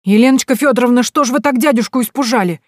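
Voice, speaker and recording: A woman puts on an eager young boy with a ringing, high voice. He chatters brightly and fast. It is storybook reading, dry and close. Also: dry recording, close to an everyday voice. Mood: teasing.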